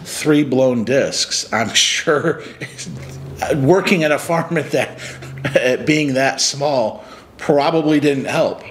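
In an unhurried mid-range voice, a forties-aged man from upstate New York shares reflective, motivational thoughts as a life coach hosting his channel. He sits on a couch in a small room, close to the camera, and a light hiss or hum runs under his casual, earnest talk.

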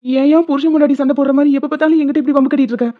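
Woman doing a high-voiced young guy in a cartoon, stuck on a broken bed, begging and threatening at once, tinny phone sound. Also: fairly even intonation, very fast, natural voice. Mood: pleading. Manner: pleading and cocky by turns, threatening. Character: bickering young husband, sprawled on a broken bed.

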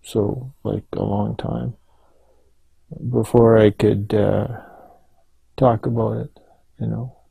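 Gravelly, dark-voiced older man. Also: fairly low pitch, level tone, no echo, poor audio. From Canada. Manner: halting, rambling storytelling with many restarts. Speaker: interviewee. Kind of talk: oral history interview.

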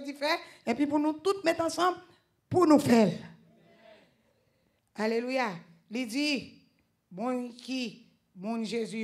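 A woman with a Haitian accent preaching a fervent sermon at a church service, swinging between loud outbursts and quiet stretches, with repeated exclamations of praise. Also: fairly high pitch.

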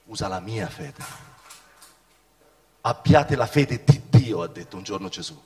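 A middle-aged man preaching a sermon in a church hall, swinging from shouts to hushed tones. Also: medium pitch, very animated, measured pace, gravelly. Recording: long reverb of a hall.

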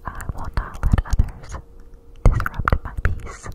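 A young adult woman gives an encouraging ASMR pep talk in a breathy whisper, repeating affirmations deliberately, very close to the microphone. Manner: slow, deliberate, repetitive, encouraging. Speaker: ASMR host. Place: small room indoors. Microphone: desktop microphone, very close with hands cupped around it.

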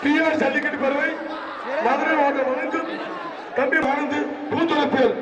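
A man calling a bull-taming event through a public-address loudspeaker, excited and shouting repeated short cries. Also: extremely high pitch, normal speed, heavy background noise. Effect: heard through a public-address loudspeaker. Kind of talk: live commentary over loudspeaker. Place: open-air arena with a large crowd. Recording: echoing loudspeaker from far off over crowd.

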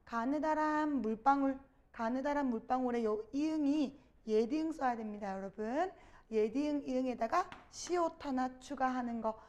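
High-voiced woman teaching grammar. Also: moderate pace, darkish tone. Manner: addresses students directly, asks and answers her own questions. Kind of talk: Korean grammar lecture.

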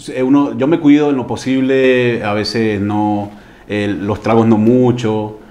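A man's voice: medium pitch, steady tone, unhurried, dark tone. A man from Colombia, a salsa orchestra singer, answering interview questions hesitantly with many fillers.

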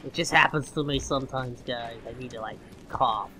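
A young man doing let's play commentary, excitable and swearing at the game, his voice going hoarse. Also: mid-range voice, normal speed, a little hiss or hum. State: losing his voice. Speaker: gaming channel host.

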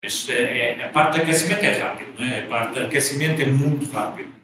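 A guest lecturer from Portugal with a European Portuguese accent gives an academic seminar talk, often restarting phrases as he thinks aloud. His medium-pitched voice is fast and sharp, picked up from far off in an echoey room with a little hiss or hum.

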